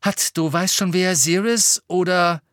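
A man's voice: high-pitched, fairly even intonation, a little slow, fairly bright tone, no echo, studio quality, pitched above the performer's own voice. A man voicing a brash, cheeky teenage wizard boy with an offhand, cocky manner in an audiobook.

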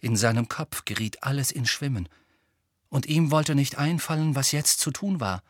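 A man narrating an audiobook in a dramatic, expressive storytelling manner. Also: mid-range voice, normal speed, dry recording, studio quality. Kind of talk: scripted narration.

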